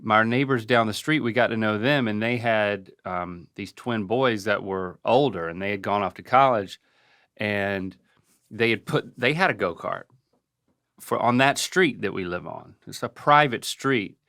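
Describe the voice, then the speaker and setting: A man's voice: on the low side, unhurried, sharp tone, no echo, studio quality. A middle-aged man from North Carolina telling casual stories as a podcast co-host, with a wry, self-deprecating manner. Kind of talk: casual storytelling.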